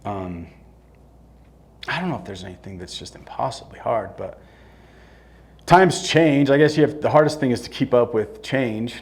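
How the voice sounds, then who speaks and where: A man's voice: mid-range voice, expressive, moderate pace, long pauses. A middle-aged man, a builder who owns his company, answering interview questions on stage in a blunt, plain-spoken way. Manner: blunt, plain-spoken, restarts mid-sentence. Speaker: construction company owner, guest. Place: event room with audience.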